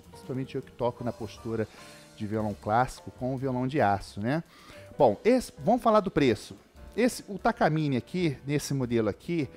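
A man's voice: medium pitch, a little mellow. Chatty Brazilian guitar teacher, man. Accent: Brazilian Portuguese. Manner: chatty, explains with frequent "tá?" and "né?" checks. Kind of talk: casual video lesson.

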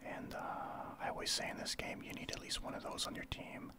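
Whispering man, ASMR game commentary. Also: brisk. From Saskatchewan, Canada. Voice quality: soft breathy whisper. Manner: explanatory, informal gamer talk. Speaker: streamer, ASMR channel host.

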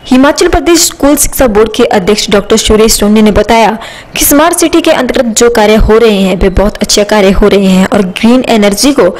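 A woman reading a scripted news report as a voice-over, steady and even. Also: mid-range voice, a little fast, rough recording.

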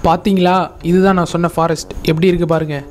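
A man's voice: sits high, flat delivery, fast talker, lightly acted. A man playing an easygoing game hero. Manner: plain, instructive, addressing viewers. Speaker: gameplay video narrator. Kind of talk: Tamil gameplay narration.

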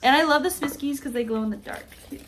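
A woman's voice: high-pitched, fast, fairly bright tone, a little hiss or hum. A young woman chatting casually as a travel vlogger, giggly and full of fillers, unboxing toys in a hotel room. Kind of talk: casual chat.

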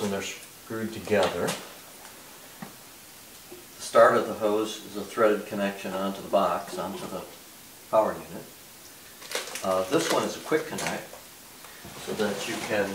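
Older DIY vlogger, low-pitched, plain explaining with fillers; recorded off-mic in an echoey shop with faint background hiss. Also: male voice. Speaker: DIY car restoration vlogger. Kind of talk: casual hands-on product demo. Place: large bare-walled workshop indoors. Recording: echoey workshop, distant mic, faint noise.

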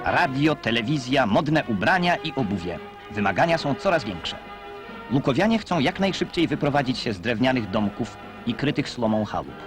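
A man's voice: medium pitch, expressive. Man narrating an old 1960s newsreel. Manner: formal, measured announcer delivery. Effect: old newsreel voice-over over music. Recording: 1960s newsreel soundtrack with loud music.

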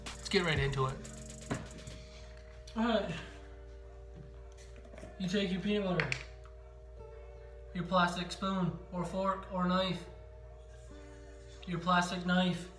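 A man's voice: high-pitched, slow pace, long pauses, music in the background. A young man vlogging casually from his apartment, talking through a stretching routine and joking while he makes a sandwich. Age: young adult. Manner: relaxed, joking, easygoing. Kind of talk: casual vlog and stretching instruction. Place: small apartment room, indoors.

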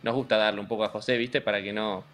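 A man with an Argentine accent, a racing driver being interviewed, talking in a relaxed, joking way with many fillers and restarts. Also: on the low side, fast. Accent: Argentine Spanish. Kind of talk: casual interview chat.

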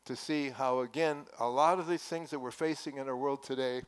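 A man's voice: mid-range voice, steady tone, fairly quick, clean tone. An older man preaching a sermon in a church sanctuary, speaking earnestly and conversationally with emphatic rises, through a headset mic. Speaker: pastor. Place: church sanctuary at a wooden pulpit.

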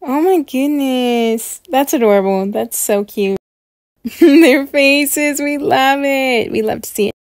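With a high voice and a dry, close sound free of room ambience, this female reaction host gushes excitedly. She keeps her commentary chatty and casual, repeating words to stress them.

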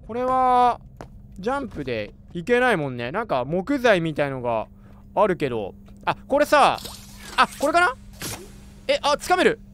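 A man doing chatty, excitable commentary while playing a horror game, reacting aloud with jumpy exclamations. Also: high voice, normal speed, slight background noise. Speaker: gamer. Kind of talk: let's play commentary.

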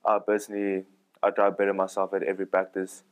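A nineteen-year-old South African man, an ice hockey player giving plain, quiet answers. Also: low-pitched, monotone, quick pace, clear, resonant tone. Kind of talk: interview answers.

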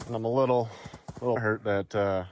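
Male outdoor vlogger, lower voice, easygoing and chatty on the trail. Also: steady tone, a little fast, darkish tone, slight background noise. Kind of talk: casual hiking vlog.

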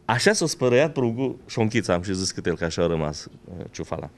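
An older man with a western Romanian regional accent, telling a folksy anecdote with animated, dramatic delivery. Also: sits low, vocal fry. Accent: Banat-Crișana Romanian. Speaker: local storyteller.

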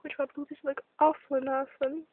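A woman vlogging in casual chat, rambling off on quick tangents and swearing freely, from a parked car. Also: high-pitched, level tone, dry recording. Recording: tinny phone-like recording.

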